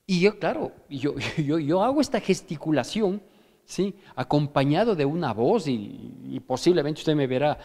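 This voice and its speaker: A man's voice: fairly high pitch, animated, normal speed, darkish tone, in a large hall. A male pastor with an Ecuadorian Spanish accent preaching a firm, exhorting sermon, often restarting and asking "¿sí?". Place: church hall.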